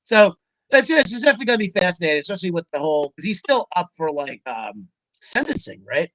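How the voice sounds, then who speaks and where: A man's voice: high voice, sing-song, fast, a bit bright, no echo. A man co-hosting a casual comedy talk show, rambling with lots of fillers and restarts. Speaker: comedy podcast co-host. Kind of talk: casual chat.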